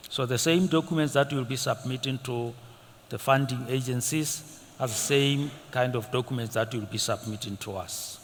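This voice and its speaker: A man's voice: medium pitch, normal speed. Methodical man in a hall. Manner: steady, methodical, lists points in order. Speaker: government incentives manager on a panel. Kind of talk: panel discussion explanation. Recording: echoey conference hall, faint noise.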